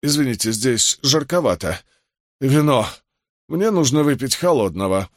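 A man's voice: mid-range voice, animated, unhurried, no room sound, clean studio sound, voice pushed up, natural voice. A man reading an audiobook, voicing a frightened, guilt-ridden older doctor who talks in a trembling, pleading way. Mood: flustered.

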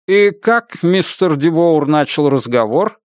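A man voicing a pushy male lawyer who presses with sharp, needling questions. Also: fairly high pitch, expressive, slow pace, dry recording, studio quality, voice pushed up.

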